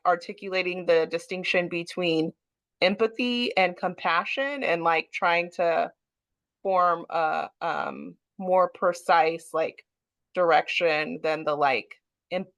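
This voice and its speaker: A woman council member offers a thought in a meeting, tentative and hedging, with many fillers. She speaks very slowly in a lowish voice. The sound is close and dry. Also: a bit bright, no echo. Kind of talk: meeting discussion.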